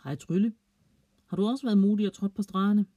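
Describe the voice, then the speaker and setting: A man's voice: high voice, warm tone, no room sound, voice pushed up. A man voicing a kind, proud mother speaking to children in a children's audio story. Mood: warm. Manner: friendly, praising.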